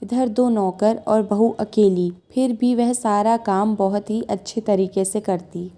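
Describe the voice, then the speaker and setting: Woman narrator for moral stories, unhurried, mellow. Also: medium pitch, steady tone. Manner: slow, measured storytelling. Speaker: storyteller. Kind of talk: scripted moral story narration.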